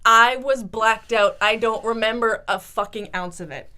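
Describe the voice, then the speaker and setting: A woman co-hosting a podcast, telling an animated festival story in casual chat and swearing freely. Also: a little high, moderate pace, very noisy. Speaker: podcast co-host.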